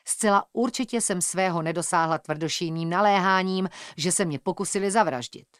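Woman audiobook narrator, low-ish voice, measured and tense, dry close mic. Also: no echo. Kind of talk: scripted first-person narration.

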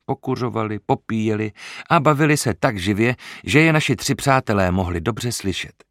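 A man narrating an adventure audiobook in a steady, dramatic reading style. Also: on the low side, no room sound, studio quality. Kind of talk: scripted narration.

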